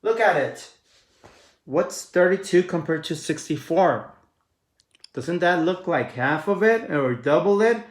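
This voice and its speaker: A man teaches a math lesson in a casual, friendly way, talking to his students as guys and walking them through each step. He keeps asking quick questions and answering them himself. His voice sits a bit high, and the room around him rings with echo. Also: expressive. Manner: casual, addresses viewers as guys. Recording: echoey room.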